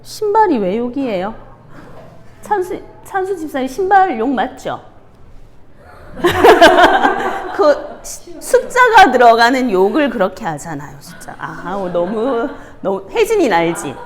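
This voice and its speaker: A woman gives a children's sermon as a Sunday school teacher. Her voice sits high and leaps around expressively. She tells stories with animation and keeps firing questions at the kids. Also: a little slow, noisy background. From Gyeongsang region of South Korea. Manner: animated storytelling, quizzing the children.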